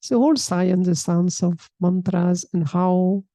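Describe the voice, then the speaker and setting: A woman, teaching a calm, reflective spiritual talk and often checking in with a soft hmm. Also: lowish voice, unhurried, dry recording. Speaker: yoga teacher. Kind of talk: spiritual talk reading and explaining a text.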